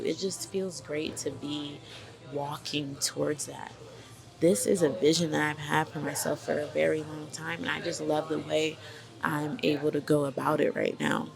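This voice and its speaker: A woman's voice: low voice, vocal fry. A young woman from Boston and Brooklyn talking casually to camera about her business, upbeat and chatty with lots of fillers. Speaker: vlogger and branding agency owner. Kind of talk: casual direct-to-camera vlog. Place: visiting hometown, background chatter. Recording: noisy audio with crowd chatter behind.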